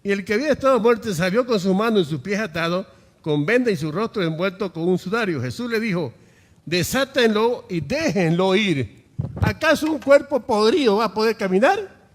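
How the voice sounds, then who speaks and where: A man's voice: sits high, animated, a little fast, in a large hall. A male pastor preaching a sermon, emphatic and full of rhetorical questions.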